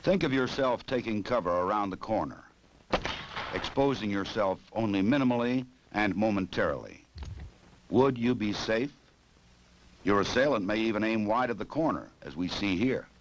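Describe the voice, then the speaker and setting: An American man narrates a 1960s instructional film in a formal, measured, authoritative manner, heard on an old film soundtrack. His voice is lowish, and the rough recording carries a little hiss or hum.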